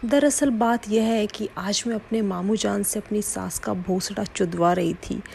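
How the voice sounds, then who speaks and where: A woman reading a first-person adult story aloud in a steady, plain storytelling way. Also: mid-range voice, measured pace, vocal fry, a little hiss or hum. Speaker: story narrator.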